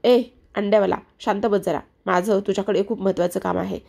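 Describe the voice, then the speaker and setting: A woman's voice: mid-range voice, steady tone, a little fast, gravelly, dark tone. A woman reading the lines of a protective young husband who refuses to leave his sick wife. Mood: bossy. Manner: firm, protective. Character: young husband, caring and stubborn.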